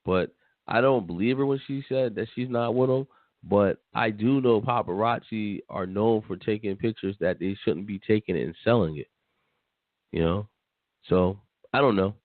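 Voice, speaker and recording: A man's voice: fairly low pitch, moderate pace, no room sound. A man co-hosting a podcast, talking bluntly and dismissively in casual chat, often repeating himself. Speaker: podcast co-host. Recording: tinny phone line, dry.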